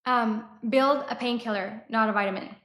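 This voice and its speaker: A Mexican woman whose native language is Spanish talks casually as a startup founder appearing as an interview guest. Her voice is on the high side and fairly bright, at a moderate pace, and the recording sounds roomy and echoey.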